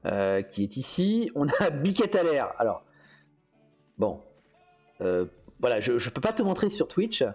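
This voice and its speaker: A man's voice: on the high side, a little mellow. A man hosting a casual livestream, rambling through his talk with hesitant fillers and frequent chuckles. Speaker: host.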